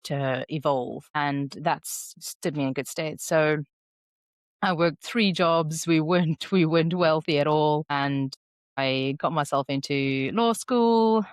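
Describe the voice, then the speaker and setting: A woman's voice: deep voice, slow pace, clean tone, no echo, clean studio sound. A woman hosting a solo podcast, talking in a candid, reflective, conversational way. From South Africa. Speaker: podcast host.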